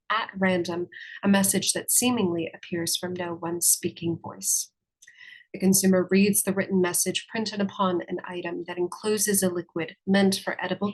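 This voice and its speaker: A young woman reading a scripted mock-academic lecture as a student presenter, in a deliberate, formal, contemplative manner with earnest seriousness. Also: mid-range voice, low-quality recording.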